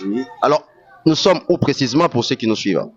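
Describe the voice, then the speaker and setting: A man's voice: mid-range voice, a little fast, husky, muffled recording. Congolese man interviewing on the street. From Democratic Republic of the Congo. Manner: many fillers, lively prompting. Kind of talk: street vox-pop interview.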